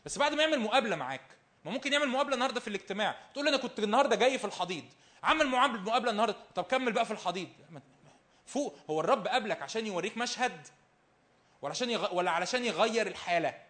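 A man with an Egyptian accent preaching a sermon, emphatic and repetitive, firing off rhetorical questions and dropping from loud calls to hushed lines. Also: sits high, animated, rapid-fire. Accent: Egyptian Arabic.

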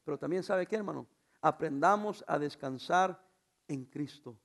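A man preaching to his congregation with a notably high voice. He is a middle-aged pastor who swings between loud calls and soft asides, throws rhetorical questions at the room and keeps a joking edge. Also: moderate pace, vocal fry. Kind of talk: sermon.

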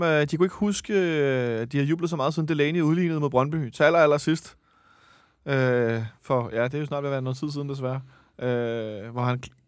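A man's voice: mid-range voice, dry recording, clean studio sound. A man hosting a casual fan chat about a football match, rambling and correcting himself as he goes. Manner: chatty, rambling, self-correcting. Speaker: football podcast host.

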